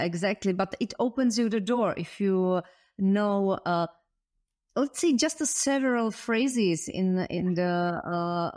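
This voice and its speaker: A woman's voice: medium pitch, a little mellow, dry recording, studio quality. A woman interviewing a guest, asking questions hesitantly with many fillers and some non-native phrasing.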